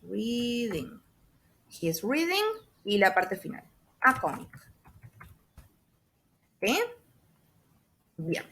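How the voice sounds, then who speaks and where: A woman teacher explaining a grammar exercise step by step, patiently, with frequent soft checks for understanding and slowly spelled-out examples. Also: mid-range voice, sing-song, slight background noise. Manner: spells out letters and stretches example sentences. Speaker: English teacher. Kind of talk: recorded class explanation.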